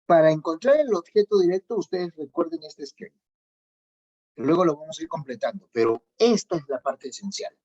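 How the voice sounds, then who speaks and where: Teacher lecturing on grammar, middle-pitched, insistent repetition, muffled lo-fi audio. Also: expressive, fairly quick, darkish tone, slightly rough. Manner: repeats key points for emphasis; checks in with students. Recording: dull lo-fi recording.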